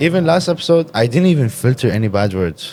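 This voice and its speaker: Lively joking young man host. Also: medium pitch, racing, slight background noise. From Iran. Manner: playful, joking, swears and laughs. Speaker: podcast host. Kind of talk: casual podcast chat.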